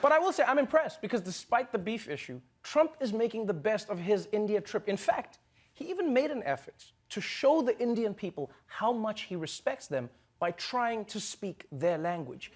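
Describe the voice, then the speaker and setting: A man hosting a comedy show, delivering a joking, animated monologue. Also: high voice, normal speed. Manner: joking, animated, breaks into impressions. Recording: studio audience laughter and noise.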